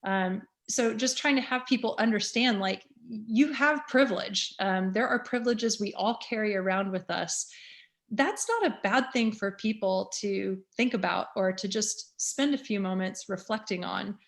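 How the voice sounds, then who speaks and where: At a community meeting, a school superintendent in her fifties speaks frankly and sincerely, often pausing with "um." Her voice is mid-range and creaky.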